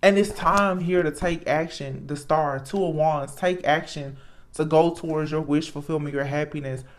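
A tarot reader speaks in a casual, reflective way at a middling pitch. The delivery is earnest and emphatic, with halting phrases and repeated words as thoughts get worked out aloud. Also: steady tone, slight background noise. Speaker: tarot reader, channel host.

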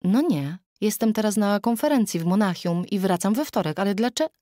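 A woman narrating an audiobook, voicing a frank young woman friend in a quick, blunt, slightly raised voice. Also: medium pitch, animated, warm tone, dry recording, studio quality, lightly acted. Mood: surprised.

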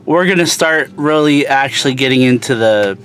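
A man's voice: mid-range voice, moderate pace. A man in his thirties chatting casually to a phone camera from inside a moving car, rambling and talking to his viewers. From North Carolina. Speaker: travel vlogger. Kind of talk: casual chat. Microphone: phone camera held close. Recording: loud road noise in car.

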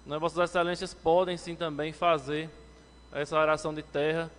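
A Brazilian city councillor in his thirties gives a formal legislative floor speech to the council from a standing lectern microphone, addressing the chair. His delivery is smooth at normal speed with little pitch movement, though his pitch rises when he presses a point. The medium-sized indoor council chamber adds long reverb.

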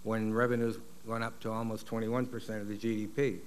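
A man's voice: on the low side, little pitch movement, clear, resonant tone. Older man giving blunt testimony. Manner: blunt, confident, drawn-out fillers. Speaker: expert witness. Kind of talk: hearing testimony. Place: large wood-paneled hearing room. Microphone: desk microphone.

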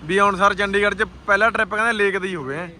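A man's voice: high voice, rapid-fire, pushed and bright. A man with a Punjabi accent hosting a casual vlog, teasing his friends in colloquial banter and peppering them with questions. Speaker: vlog host.

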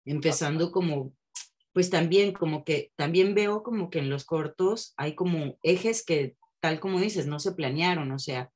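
Woman, low voice, candid podcast guest talk, casual swearing. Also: a little slow, darkish tone. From Mexico. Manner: candid, frequent tag questions, restarts and swearing. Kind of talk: casual conversational chat.

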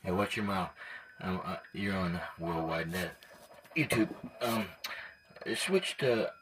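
At a cluttered indoor radio workbench, a male hobbyist tests a vintage CB radio, making short, clipped calls in a casual radio check chat and muttering to himself along the way. His voice sits low and he speaks slowly. The handheld recording is clearly noisy, with clicks.

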